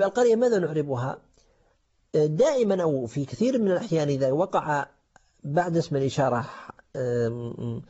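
A man teaching Arabic grammar on Quranic verses, explaining step by step and asking and answering his own questions, with many pauses and fillers. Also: a little high, dark tone, husky. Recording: dull lo-fi recording.

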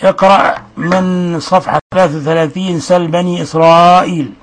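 A man's voice: sits high, steady tone, brisk. A middle-aged man hosting a radio lesson, patiently correcting callers' pronunciation with repeated examples. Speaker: host and recitation teacher.

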